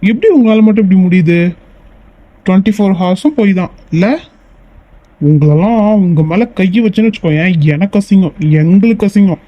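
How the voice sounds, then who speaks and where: A man's voice: high-pitched, brisk, no echo, muffled recording. A man voicing a protective young male lover in a cartoon, stern and questioning.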